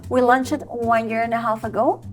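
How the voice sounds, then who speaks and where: A woman from Ecuador, talking as an entrepreneur guest in an enthusiastic, animated way. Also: fairly high pitch, faint music behind. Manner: enthusiastic, animated, quick bursts with restarts. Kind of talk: podcast interview.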